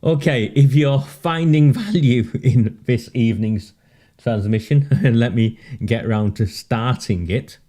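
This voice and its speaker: Unhurried and dark-toned at a medium pitch, a man runs a live-streamed political commentary monologue. He comes across sardonic and emphatic, laughing at his own jabs and repeating words to stress them.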